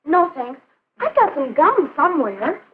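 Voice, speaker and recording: A woman's voice: high-pitched, sing-song, a little slow, slight background noise. A young woman acting an outspoken, skeptical teenage girl with an emphatic manner in a 1950s educational film. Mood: skeptical, earnest. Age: teens or young adult. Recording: narrow phone-like 1950s film soundtrack.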